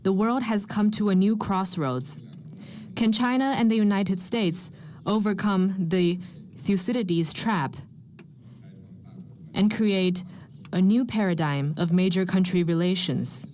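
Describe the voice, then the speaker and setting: A woman speaks as a live interpreter, rendering a head of state's remarks in formal, measured phrases. Her pitch sits in an ordinary middle range, and a faint hum of room ambience runs underneath. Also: darkish tone. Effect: live interpreter voice over a broadcast clip.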